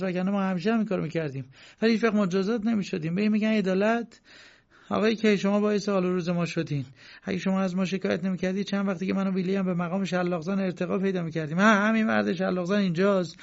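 A frightened young bank guard, played by a man, pleads in a high, gravelly voice. He sounds aggrieved and put upon. The recording is dull and lo-fi. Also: steady tone. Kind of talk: audio drama acting. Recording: muffled lo-fi recording.

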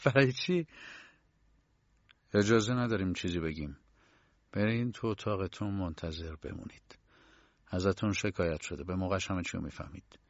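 A man reading as smug low-ranking guards, curt and dismissive, flat low delivery, dull lo-fi sound, dry. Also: no room sound.

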